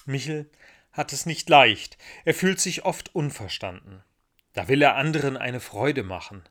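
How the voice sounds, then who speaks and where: A man reading a children's story aloud in a gentle, expressive storytelling manner. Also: mid-range voice, measured pace.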